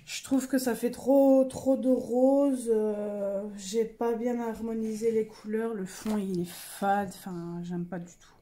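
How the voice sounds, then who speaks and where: A woman's voice: on the high side, level tone, slow pace, hardly any pauses, warm tone. A young woman casually showing her coloring pages, chatty and hesitant, with many fillers and self-corrections. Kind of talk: casual show-and-tell.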